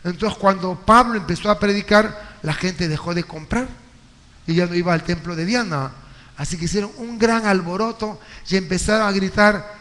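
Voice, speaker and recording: Male pastor with a high voice, preaching in a lively storytelling way, recorded live in a hall with long reverb. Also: moderate pace. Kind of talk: sermon. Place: church hall.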